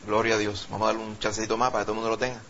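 A male pastor with a Puerto Rican accent who leads a sermon, reads scripture slowly with rising emphasis, and prays fervently, repeating "Señor" and "Padre". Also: fairly low pitch, flat delivery, a bit bright, lo-fi sound, slight background noise. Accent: Puerto Rican Spanish. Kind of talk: sermon with scripture reading and prayer.

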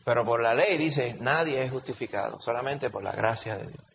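A man preaching a sermon with a Puerto Rican Spanish accent, animated and full of rhetorical questions. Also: medium pitch, fairly quick, creaky, slight background noise. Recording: lo-fi recording with long hall reverb.

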